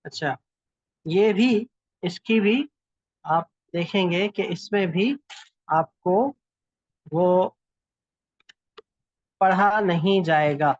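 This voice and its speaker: A man teaching a lesson at an unhurried, measured pace, stopping often to find his words. His voice sits in a middle register and sounds dry and close, with dull, muffled audio. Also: high-pitched, no echo. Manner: slow, patient, halting with pauses and fillers. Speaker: calligraphy teacher. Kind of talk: classroom lesson explanation.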